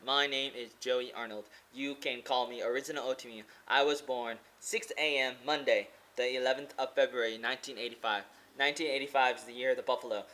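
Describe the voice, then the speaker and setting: A man's voice: mid-range voice, pushed and bright. A young American man in his twenties from Oregon, talking casually and earnestly to his webcam in a small room, rambling with lots of "like" and repeating himself. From Oregon, USA. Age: 20s. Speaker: vlogger and English teacher. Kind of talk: casual to-camera monologue. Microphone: laptop webcam close up.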